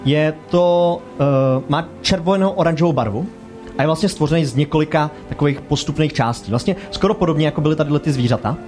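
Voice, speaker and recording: A man narrating as game master, describing scenes in a halting way with fillers. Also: fairly high pitch, a little mellow, soft background music.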